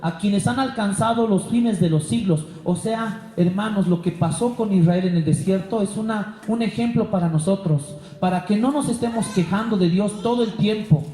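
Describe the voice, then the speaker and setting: A high-voiced man with a Bolivian accent preaches a lively sermon and acts out the people in his Bible stories. His tone is mellow, and his words ring through a roomy church hall with a long echo. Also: normal speed, few pauses. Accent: Bolivian Spanish. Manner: preaching with acted-out Bible voices, rhetorical questions. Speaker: pastor. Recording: echoey hall.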